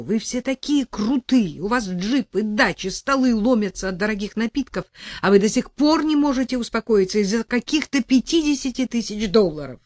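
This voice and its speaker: A woman's voice: a little high, no room sound, clean studio sound, pitched above the performer's own voice, lightly acted. A woman reading an audiobook and voicing a frightened young woman who pleads agitatedly.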